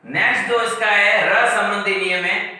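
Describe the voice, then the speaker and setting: A male teacher giving a grammar lesson, deliberately repeating each rule and working through examples one by one. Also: sits high, fairly even intonation, sharp tone. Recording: echoey room, mic far off.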